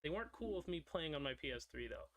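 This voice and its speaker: A man's voice: fairly high pitch, very animated, fast talker, a bit bright. A young man streaming while he draws, chatting casually and drifting into side stories. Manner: rambling, digressive storytelling. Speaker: streamer drawing a character.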